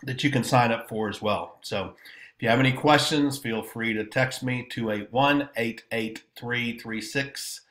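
A man's voice: mid-range voice, unhurried, a bit bright, reverberant. A man, a pressure washing instructor talking casually to a webcam from a small office, rambling with lots of ums. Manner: rambling, folksy, many ums. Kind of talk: casual product talk to camera.

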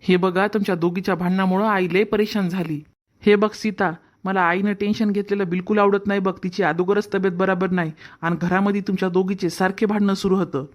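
A woman's voice: medium pitch, steady tone, a little fast, close to an everyday voice. A woman voicing an earnest, dutiful young husband and son in a cartoon family drama, lecturing his wife.

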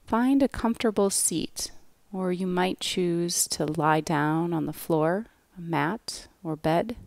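A yoga nidra guide leads a scripted relaxation meditation very slowly, her low, gravelly voice letting phrases fade softly. The recording is close and dry with no room sound.

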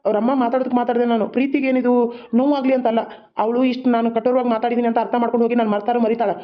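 Cartoon drama: a performer plays a hot-headed rich young man, rapid and exasperated. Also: mid-range voice, little pitch movement, muffled recording, close to an everyday voice. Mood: defiant. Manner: exasperated, blunt, quick-talking. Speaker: cartoon voice actor. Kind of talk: homemade cartoon drama dialogue.

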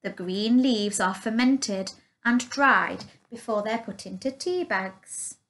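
A woman reading a children's picture book aloud, slowly, clearly and carefully. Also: mid-range voice, expressive, fairly bright tone. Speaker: storyteller.

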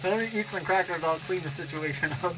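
A man's voice: sits high, fairly even intonation, fast, background noise. A man in his thirties joking casually through a game and laughing as he talks, his words slurred by a propped-open mouth. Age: 30s. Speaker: vlog host. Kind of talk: casual joking chat during a challenge game. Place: small indoor space, RV. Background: music.

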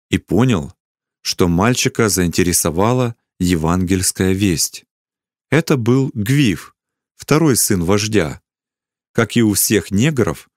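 Low-voiced man reading a children's story. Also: no room sound, studio quality. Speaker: narrator.

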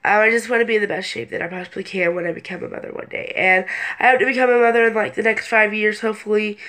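A teenage girl, nearly 18, talks to the camera from a small bedroom in a loose, hesitant vlogger ramble, easily sidetracked and audibly stuffed up. Her mid-range voice is a bit bright, quick, and fairly level in intonation.

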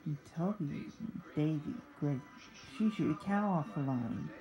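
A woman narrating a children's train story, reading in a halting, stumbling way. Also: deep voice, animated, warm tone, faint music behind, rough recording.

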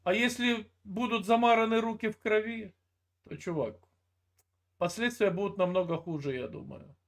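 In a heated video call, an older Russian man who hosts a video chat channel lectures and scolds in a strikingly high, gravelly voice at normal speed. He speaks from an indoor room at home through an earphone cable mic and often cuts in to finish his point.

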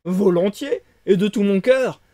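Thon bienveillant, joué par un homme, fort, un peu aigu, son sec. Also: male voice, high-pitched, a little slow, warm tone, no room sound, studio quality, pitched above the performer's own voice. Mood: fort, généreux. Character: gros thon robuste et bienveillant.

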